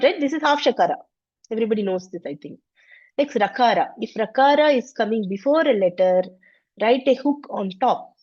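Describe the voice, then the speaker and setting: A woman's voice: medium pitch, darkish tone. A woman teaching a Sanskrit class online, explaining patiently and step by step. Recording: slightly dull lo-fi audio.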